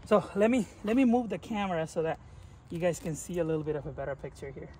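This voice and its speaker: A thirty-something man chats through a casual product review outside next to a car, showing the item by hand as he moves around the trunk. His voice is a little high, expressive, fast, and slightly mellow, with slight background noise.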